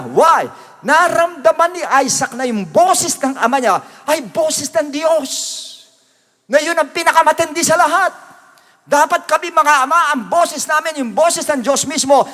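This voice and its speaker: A man's voice: extremely high pitch, a bit bright. A man preaching a sermon as pastor, emphatic and repetitive, often calling out to his brothers and sisters. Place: church. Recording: long reverb of a church hall.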